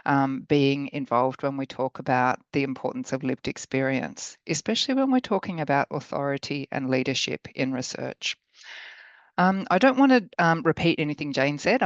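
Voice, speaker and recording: A middle-aged woman with a croaky, hoarse voice gives an informal, thoughtful conference talk as a researcher. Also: very deep voice, no room sound. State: hoarse after illness. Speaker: academic researcher giving a talk. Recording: dull lo-fi call audio.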